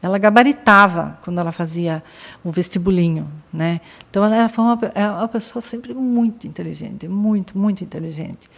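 A woman from Brazil, a podcast guest, telling a family story in a lively way and acting out her relatives' lines. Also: medium pitch, fairly quick, gravelly. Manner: lively, acts out family members' quoted lines. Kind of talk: casual storytelling in conversation.

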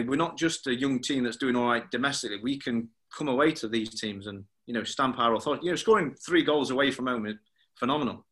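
A man, a former footballer being interviewed, who tells stories lively and acts out the dialogue. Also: medium pitch. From England. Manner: animated storyteller who acts out quoted dialogue. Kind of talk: anecdotal interview chat.

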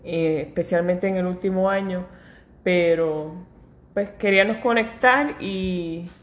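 Animated woman chatting in an echoey room. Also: on the low side, a little slow. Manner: laughing, animated storytelling, mixes in English. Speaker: podcast co-host. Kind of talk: casual chat. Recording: roomy echo.

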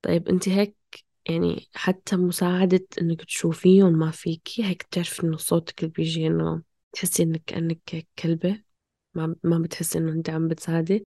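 A woman's voice: low voice, level tone, quick pace, dark tone, dry recording, studio quality. A woman talking casually and passionately, questioning herself in fragmented bursts. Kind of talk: casual, impassioned conversation.

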